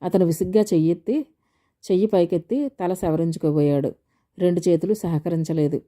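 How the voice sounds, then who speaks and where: A woman's voice: on the low side, a little fast, dark tone. A woman reading a novel aloud as an audiobook narrator, telling the story steadily and voicing the characters lightly.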